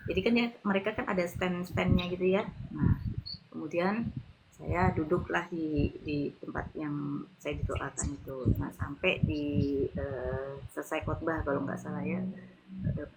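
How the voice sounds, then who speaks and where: A woman's voice: sits low, fairly even intonation, measured pace, gravelly, background noise. A woman casually telling her testimony in a chatty way, full of fillers, recorded on a handheld phone. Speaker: convert giving testimony. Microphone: handheld phone, no tripod.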